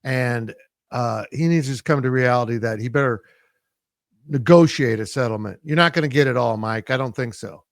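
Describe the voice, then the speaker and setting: Man, sports co-host, medium pitch, dry close sound, casual chat, wry and sardonic. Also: normal speed, vocal fry, no room sound.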